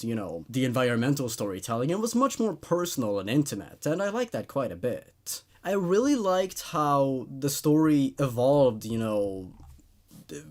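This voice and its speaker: On his horror story show, a man gives dramatic readings of stories and follows up with relaxed commentary about them. His voice is a little mellow, at a medium pitch.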